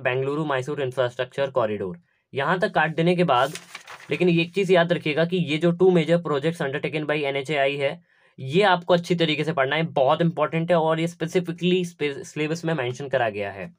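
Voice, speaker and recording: Young male teacher, a bit high-pitched, methodical and repetitive delivery. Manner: instructive, repetitive, step by step. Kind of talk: syllabus walkthrough lesson.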